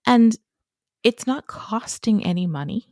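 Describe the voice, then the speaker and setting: A woman's voice: on the high side, lively intonation, unhurried, darkish tone, no room sound, clean studio sound. A woman who works as an educator, talking as a podcast guest in an earnest, emphatic way and often checking in with "right?". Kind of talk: podcast conversation.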